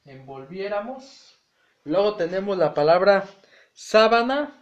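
A man's voice: high-pitched, lively intonation, takes it slowly. A man teaching an exam-prep lesson in a chatty way, repeating words and checking in with "ok?". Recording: echoey room, dull lo-fi sound.

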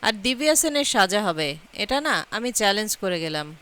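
Woman reading as a bold sharp-tongued young woman. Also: mid-range voice, very animated, normal speed, pitched below the performer's own voice. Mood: scolding. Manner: teasing, scolding.

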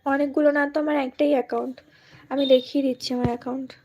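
A woman from West Bengal chatting casually with viewers during a live stream. She has a cold and speaks softly and slowly. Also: sits high, little pitch movement, lo-fi sound, slight background noise. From West Bengal, India.

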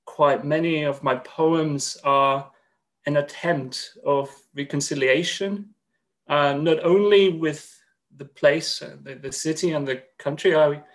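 A man in his thirties from Greece, a poet speaking with slightly nervous earnestness and reading his poems in a measured way on a video call from a room at home. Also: fairly high pitch, fairly even intonation. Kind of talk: poetry reading at an online launch.

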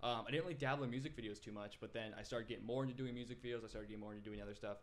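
Racing along at medium pitch with a steady tone, a videographer in his 20s tells his story as a podcast guest, rambling and restarting often amid fillers. He's in a small podcast room, speaking into a desk mic on a boom arm.

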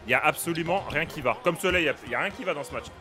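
Young man, gaming streamer, casual excitable commentary, slightly high voice, game music behind. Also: racing. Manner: excitable, yells at the game, laughs.

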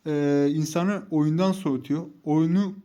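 A man's voice: on the high side, moderate pace, darkish tone. Heated young man commentating a mobile game. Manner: heated, scolding and mocking teammates. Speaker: gaming YouTuber.

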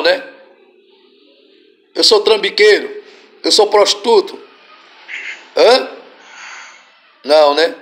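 A Brazilian man with a high voice leads a deliverance prayer as a pastor. He drives it with forceful, repeated commands and breaks into sudden shouts. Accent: Brazilian Portuguese.

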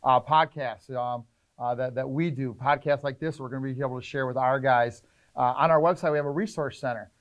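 A middle-aged man, a fishing charter captain, explaining trip planning in casual, energetic interview talk in an indoor tackle shop. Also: mid-range voice, highs cut off. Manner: energetic, gestures a lot, lists points rapidly.

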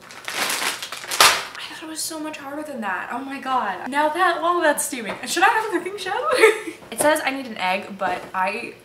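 A woman's voice: high-pitched, very animated, a little slow, a crowd in the background. A woman vlogger chatting in her home kitchen, self-deprecating and talkative. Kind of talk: casual cooking vlog. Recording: echoey kitchen with loud noise.

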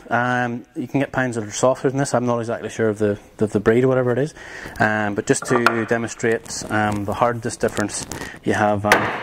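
A young man, a tiny house builder, gives a relaxed, rambling hands-on demonstration of building materials, with lots of ums. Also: lowish voice, noisy background.

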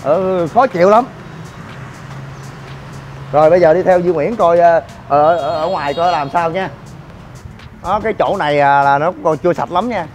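A man's voice: a little high, a little fast, slight background noise. A man ranting to viewers while inspecting shoddy building work, scolding and exasperated. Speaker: gym owner and vlogger. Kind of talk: ranting vlog walk-through.

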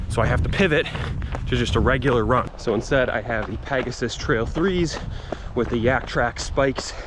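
A man's voice: medium pitch, noisy background. A young man talking casually to the camera as a running vlogger, chatty and self-deprecating. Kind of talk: casual vlog chat.

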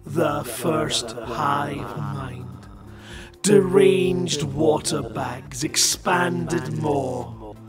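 A man's voice: fairly high pitch, creaky, roomy sound, exaggerated voice. A man doing a grainy, dissolving hive-mind voice of doom. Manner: slow, flat log-readout delivery. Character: cold alien hive-mind computer voice, male. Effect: grainy, scattering voice-of-doom distortion. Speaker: podcast host.

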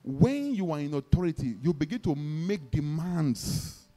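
A Nigerian-accented male pastor delivers a sermon in a somewhat high, lively voice that swings widely in pitch. He punctuates his stories with shouts of praise and acts out the conversations he tells. He leads the congregation in repeating declarations back to him. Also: unhurried. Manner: exclamatory, peppers talk with praise shouts; vivid storytelling, acts out dialogue.

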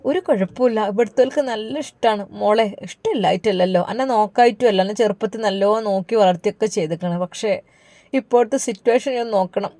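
A woman voicing a gentle, soothing young pregnant daughter with a Malabar Malayalam accent. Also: fairly high pitch, dry recording, close to an everyday voice. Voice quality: soft, soothing. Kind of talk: storybook narration.

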